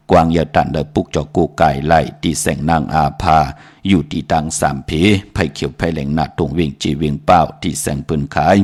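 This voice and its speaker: Casting: man with an extremely low voice, rhythmic reciter of blessings. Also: darkish tone. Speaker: traditional Shan culture speaker.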